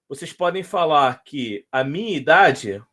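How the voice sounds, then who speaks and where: A man's voice: a little high, expressive, a little slow, bright, forceful tone. A man with a Brazilian accent, teaching a math lesson, patiently repeating his points and checking in with the students. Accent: Brazilian Portuguese.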